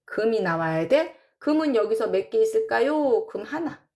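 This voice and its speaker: A woman's voice: a little high, big pitch swings, darkish tone. A woman teaching a class in a casual lecture style, drawing out terms and repeating them as she counts and writes. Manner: drawn-out, repeats terms while counting and writing. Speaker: saju teacher.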